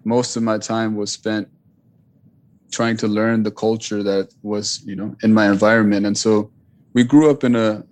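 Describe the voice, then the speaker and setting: A Punjabi-born man now living in Richmond, Virginia, reflects on his past as a guest in an interview. His low, fairly flat voice comes with many pauses, fillers and restarts as he thinks aloud, giving a thoughtful tone.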